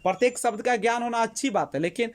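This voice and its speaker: A woman teacher works through exam questions for her class. Her voice sits slightly high, and she keeps asking the class questions, then answering them herself. She repeats key words as she explains. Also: quick pace. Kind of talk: exam-prep lesson explaining Sanskrit pedagogy questions.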